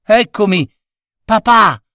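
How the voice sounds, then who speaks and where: A man's voice: wildly swooping pitch, takes it slowly, fairly bright tone, no echo, studio quality, exaggerated voice. A man voicing an invisible lonely schoolboy. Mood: eager calling. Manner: high, crying pleas.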